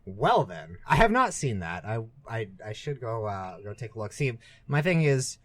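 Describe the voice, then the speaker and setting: A man's voice: medium pitch, big pitch swings, moderate pace, fairly bright tone, dry recording. A young man co-hosting a podcast in casual chat, joking around with frequent restarts. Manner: jokey, hesitant restarts. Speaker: podcast co-host.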